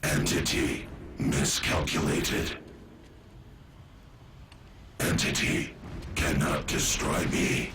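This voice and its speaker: A man playing a menacing, ancient machine intelligence in a video game, with a synthetic robotic voice and slow, imperious pronouncements. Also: rumbling low, heavily acted. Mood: cold menace. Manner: robotic, slow, flat-worded third-person pronouncements. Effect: synthetic robot voice processing. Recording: game audio with background ambience noise.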